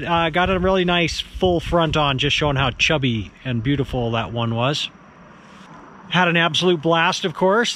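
A wildlife photographer chatting casually in a vlog, relaxed and self-deprecating, out in a rocky field at dusk. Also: male voice, fairly high pitch.

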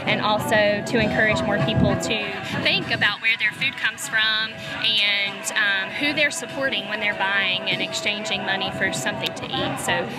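A woman's voice: medium pitch, fairly even intonation, moderate pace, hardly any pauses, poor audio. A young woman, a market coordinator, speaking upbeat and informative with some ums, outdoors at a market. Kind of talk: promotional interview. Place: outdoor farmers market parking lot. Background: background music.

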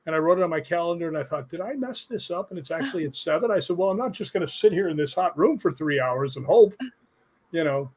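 Husky older man joking on a video call. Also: fairly high pitch, animated, fast, a little mellow. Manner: joking storyteller with chuckles. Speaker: guest. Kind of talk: casual video-call interview.

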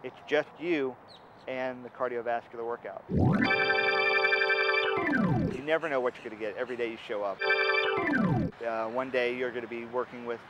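A male fitness instructor talks through a TV news interview in a matter-of-fact, slightly dry way, dropping an occasional "uh." His voice sits at an ordinary mid pitch. Music plays clearly beneath him. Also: fairly even intonation, fairly quick, low-quality recording. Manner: matter-of-fact, dry humor, some fillers. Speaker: boot camp lead instructor.

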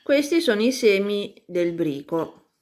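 A woman vlogging casually about her seedlings, pausing often to search for words as she films with a handheld phone. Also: medium pitch, big pitch swings, darkish tone. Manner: hesitant, searches for words, many fillers. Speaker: plant vlogger. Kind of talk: casual how-to chat.

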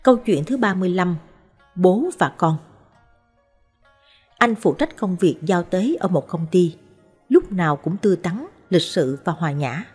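A woman narrating short life stories in a calm, measured, scripted way. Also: fairly low pitch, breathy edge. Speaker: storyteller. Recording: soft background music.

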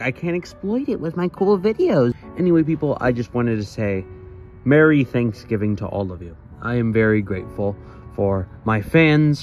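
A man's voice: lowish voice, muffled recording. A young man chatting casually to his fans outdoors, shivering from the cold, rambling and joking at his own expense. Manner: rambling, self-mocking, jokey. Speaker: YouTube creator. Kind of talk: casual vlog greeting to fans.

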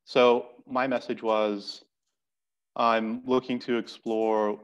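A middle-aged man appearing as a podcast guest answers interview questions over a video call from his home office, explaining things step by step in a thoughtful, conversational way. His mid-range voice is slow and clean with little pitch movement, though the recording sounds muffled.

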